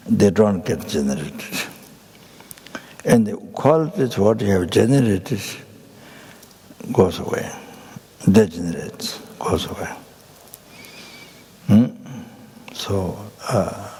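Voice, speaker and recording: An older man from Nepal, giving a Buddhist teaching in a halting way full of fillers and restarts. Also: deep voice, vocal fry, mellow, breathy edge. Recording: hall reverb.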